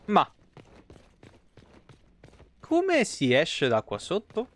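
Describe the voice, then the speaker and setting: A man's voice: sits high, wildly swooping pitch, drawn-out words, a bit bright. Sarcastic Italian man streaming a game. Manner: chatty, sarcastic, swears freely, talks to game characters. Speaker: gaming streamer. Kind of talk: casual live gameplay commentary.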